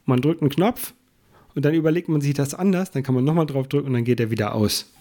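A man's voice: medium pitch, fast talker, warm tone. A man, a podcast guest, explaining things at length in casual chat, with many restarts and fillers.

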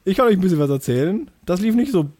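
A young man co-hosting a podcast in casual chat, lively and jokey. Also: high-pitched, very fast, no room sound. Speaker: podcast co-host.

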